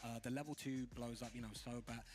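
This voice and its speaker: A man's voice: mid-range voice, level tone, quick pace. Man breaking down fighting game matchups. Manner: thinks aloud with restarts, technical. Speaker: co-host of a fighting game watch party. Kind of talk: casual analytical commentary.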